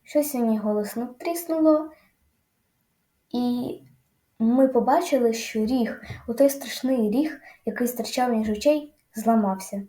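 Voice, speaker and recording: A woman narrating a children's audiobook with lively, dramatic storytelling. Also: a little high, measured pace, echoey room.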